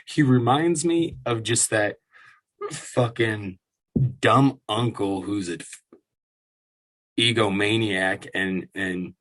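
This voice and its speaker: A man's voice: on the low side, takes it slowly, pauses often, fairly bright tone. A man hosting his own show, ranting casually in an exasperated way, full of swearing and restarts. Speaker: podcast host. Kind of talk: casual solo rant.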